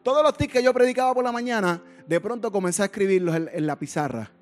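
A male pastor delivering a sermon, moving between hushed storytelling and loud, fervent outbursts. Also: high-pitched, expressive, fast talker, soft background music.

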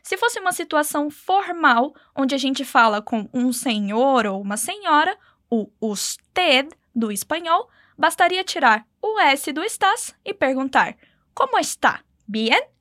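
A woman's voice: sits high, big pitch swings, a little slow, a bit bright, no echo, studio quality. A woman teaching Spanish phrases, patiently modeling words and encouraging the listener to repeat. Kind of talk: language lesson narration.

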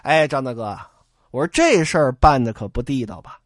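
A man's voice: mid-range voice, lively intonation, moderate pace, no echo, clean studio sound, pitched below the performer's own voice, natural voice. A male storyteller voicing a menacing local bully who coaxes and threatens the boatman. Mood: coaxing. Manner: wheedling then threatening. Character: menacing bandit leader, smooth-talking bully.

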